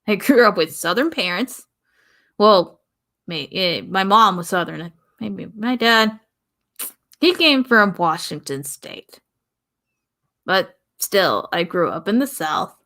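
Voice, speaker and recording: A young woman from the American South hosting her own podcast in a casual, rambling way, pausing often and sighing. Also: medium pitch, lively intonation, sharp tone. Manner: rambling, pauses often, sighs. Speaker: podcast host. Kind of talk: casual solo podcast talk.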